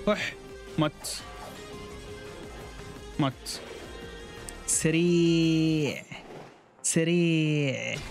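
A man's voice: a little high, a bit bright. Chatty gaming streamer man. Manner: chatty, reacts aloud and talks to chat. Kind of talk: casual gameplay commentary.

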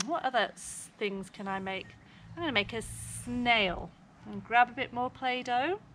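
High, singsong woman teaching young children. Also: fairly bright tone. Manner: broad, singsong children's-presenter delivery. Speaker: children's phonics teacher and presenter. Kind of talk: children's lesson to camera. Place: outdoors in a home backyard. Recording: faint outdoor background noise.

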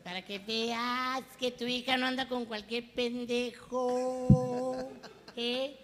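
A man's voice: very high-pitched, flat delivery, takes it slowly, voice pushed up. A man putting on a wheedling Mexican housewife. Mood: coaxing. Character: middle-aged scheming housewife, coaxing. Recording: echoey hall, faint background noise.

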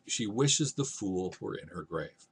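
A man's voice: sits low, expressive, unhurried, husky. A man teaching a literature lesson in a casual, conversational way, often checking in with "right?".

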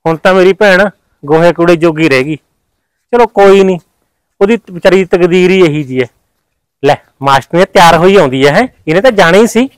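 An actor playing a reproachful village farmer husband in a family drama, with a Malwai Punjabi accent. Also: male voice, sits high, a little fast, clean tone, no room sound, close to an everyday voice, low-quality recording. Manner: pleading, reproachful. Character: aggrieved farmer husband, adult man. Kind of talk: village comedy drama acting.

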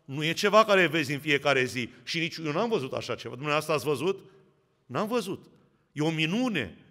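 Male preacher, bright clear voice, slightly high, Romanian accent, long hall reverb. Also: animated. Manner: addresses the congregation directly with questions. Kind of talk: sermon.

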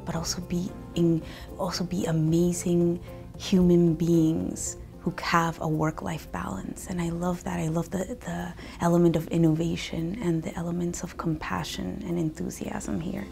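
Low, gravelly-voiced young woman. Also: little pitch movement, a little slow. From Peru. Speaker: medical student. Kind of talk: interview testimonial. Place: studio with gray backdrop. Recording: soft background music.

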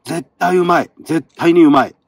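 A middle-aged man talking casually to the camera from inside a parked car, getting excited while he eats. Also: fairly high pitch, moderate pace, vocal fry, no echo. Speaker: vlogger. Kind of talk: casual car-camping vlog.

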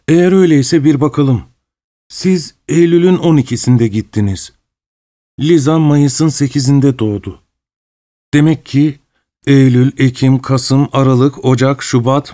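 A man voicing an excitable, fawning middle-aged husband who talks with ingratiating emotion, in an audiobook. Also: mid-range voice, unhurried, voice pushed up, close to an everyday voice. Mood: excited, fawning.

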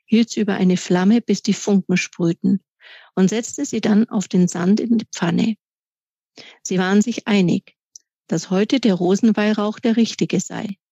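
A woman author reading aloud from her children's book in calm, measured storytelling. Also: medium pitch, slightly rough, dry recording. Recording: dry, slightly dull recording.

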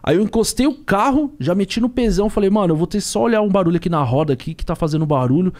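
A man's voice: high voice, expressive, fast talker, darkish tone. A young man, a ride-share driver telling a story as a podcast guest, full of slang and acted-out dialogue. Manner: slangy and street-talking, acts out dialogue.

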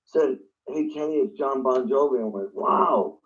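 A man's voice: medium pitch, a little slow, lo-fi sound. A man, a guest drummer, telling a story in an interview and acting out phone calls in different voices.

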